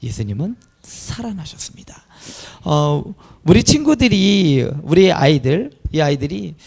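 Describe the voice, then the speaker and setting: A male pastor delivers a sermon with a high, gravelly voice. His pitch swings widely as he preaches, rising to emphatic peaks. The delivery is animated and earnest. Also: unhurried. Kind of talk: Easter sermon.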